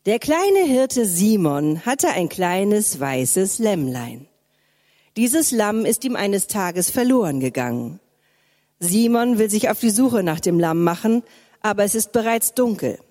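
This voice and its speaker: Slow, expressive woman reading a story. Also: mid-range voice, in a large hall. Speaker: storyteller in a church service. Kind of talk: story read aloud.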